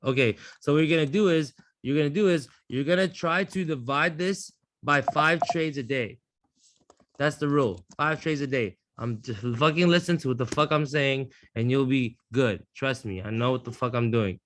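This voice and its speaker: A man's voice: medium pitch, normal speed, fairly bright tone, slight background noise. A man teaching a live trading class, blunt and profane, often restarting his sentences. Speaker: trading instructor.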